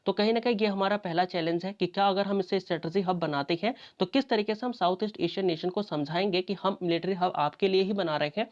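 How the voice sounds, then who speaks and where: A woman with a lowish, slightly mellow voice gives an explanatory exam-prep lecture. She talks conversationally, asking her own questions and then answering them. The audio is dull and lo-fi.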